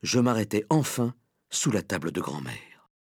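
Male audiobook narrator, lively swings in pitch, dramatic, dry close sound. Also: moderate pace, husky, no room sound. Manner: animated, dramatic first-person telling. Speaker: audiobook reader. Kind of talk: expressive storybook narration.

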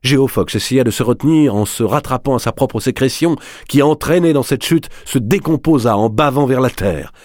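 A man reading a dark novel aloud as the narrator, in a measured, dramatic way. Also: mid-range voice, dry recording, studio quality. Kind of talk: audiobook narration.

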